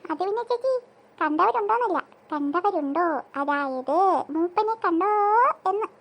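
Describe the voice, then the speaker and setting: A performer voicing an excitable little girl, the younger sister, who whines and pleads dramatically. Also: very high voice, moderate pace, vocal fry, full character voice. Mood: pleading. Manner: whiny and dramatic, breaks into sobbing pleas.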